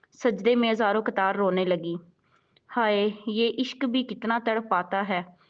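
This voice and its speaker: A woman narrating a sorrowful, dramatic story, giving the characters' lines softly in her own telling. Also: on the high side. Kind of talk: emotional scripted narration. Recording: dull lo-fi recording.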